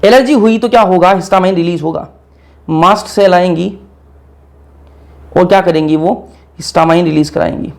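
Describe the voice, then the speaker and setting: A man's voice: high voice, normal speed, vocal fry, long pauses. A young man teaching an exam-prep biology lecture, casual and chatty, asking questions and answering them himself. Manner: call-and-response questioning, repeating answers.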